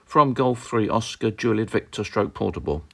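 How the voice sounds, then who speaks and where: A man's voice: fairly low pitch, expressive, moderate pace, vocal fry, background noise. British man, casual amateur radio vlogger. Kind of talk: casual radio contacts and commentary to viewers.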